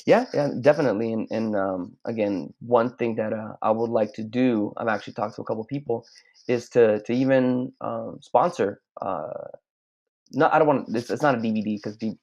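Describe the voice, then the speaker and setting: Low-voiced rambling male guest, dull audio. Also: moderate pace, darkish tone. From Mexico. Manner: rambling, frequent restarts and stammered repeats. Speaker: guest, clothing brand owner. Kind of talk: casual chat. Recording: slightly dull lo-fi sound.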